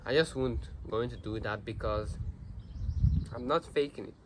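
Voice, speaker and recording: Recorded noisily on a built-in device mic, a teenage vlogger whose first language is Hungarian speaks at medium pitch and normal speed. He rambles earnestly to camera in casual self-reflection, restarting often and leaning on fillers.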